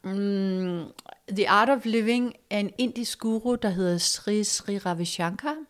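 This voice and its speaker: A woman calmly telling a personal story in a casual conversation, reflective and hesitant, with fillers and soft, hushed stretches. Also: mid-range voice. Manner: reflective, hesitant with fillers, drops to soft near-whisper at moments.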